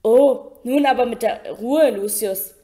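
A woman's voice: fairly high pitch, animated, moderate pace, a little mellow, close to an everyday voice. A woman voicing a nervous, fumbling middle-aged official in an audiobook reading. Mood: flustered.

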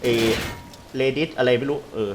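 Excitable man over loud gunfire. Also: medium pitch, normal speed, heavy background noise. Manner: excitable, loose slangy exclamations. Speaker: gamer translating a game into Thai. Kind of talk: live gameplay commentary. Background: game gunfire and explosions.

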